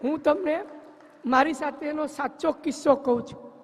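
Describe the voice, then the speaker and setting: A man telling jokes live on stage with an animated storytelling manner. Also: very high-pitched, normal speed, big-room sound. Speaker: stand-up joke teller.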